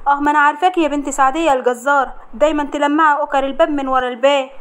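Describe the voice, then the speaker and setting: A woman voicing a sharp-tongued Egyptian daughter-in-law who mocks her rival. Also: sits high, fairly even intonation, racing, natural voice. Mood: mocking. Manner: mocking, tart.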